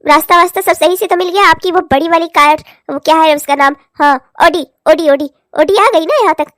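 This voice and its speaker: A woman's voice: very high voice, brisk, a bit bright, no room sound, clean studio sound. A woman voicing a bossy, nagging middle-aged mother-in-law in a cartoon, scolding and showing off. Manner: scolding, boastful.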